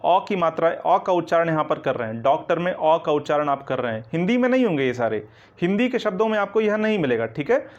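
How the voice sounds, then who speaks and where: A man teaching Hindi grammar in an online coaching lecture. He explains step by step, keeps checking "ठीक है ना" and asks the class questions before answering them himself. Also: a little high. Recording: dull lo-fi recording.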